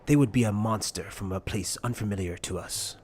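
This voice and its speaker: In an anime fan dub, a man plays a solemn warrior captain, speaking low and gravely with formal, measured phrasing like a philosopher in arms. His tone is darkish and only lightly acted, with faint noise behind him.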